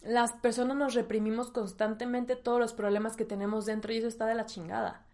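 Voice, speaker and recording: A woman's voice: fairly high pitch, level tone, a little fast, darkish tone. A young woman with a Mexican accent hosting a personal podcast monologue, candid and emotional, sometimes close to tears. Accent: Mexican Spanish. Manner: emotional, tearful at times, candid and slangy. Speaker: podcast host.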